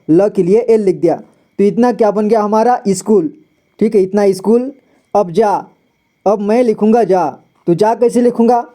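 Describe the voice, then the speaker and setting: A man teaching a lesson, patient and repetitive, often slowing down to spell out sounds. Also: high-pitched, mellow. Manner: patient, repeats "ठीक है" often. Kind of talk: explaining a lesson.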